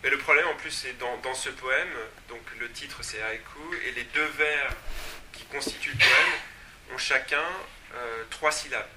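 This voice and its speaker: A man's voice: medium pitch, a little slow. A man moderating a public talk, explaining points about translation as he thinks aloud. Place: room at a public event. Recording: distant mic, noisy room.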